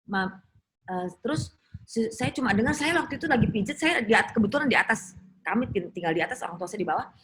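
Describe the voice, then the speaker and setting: Middle-aged woman preacher, brisk and animated, telling a personal story to a women's group on a video call, with a light hiss underneath. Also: mid-range voice. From Indonesia. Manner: fast, animated storytelling with restarts and fillers. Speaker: guest speaker at a women's church gathering. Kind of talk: personal testimony sermon.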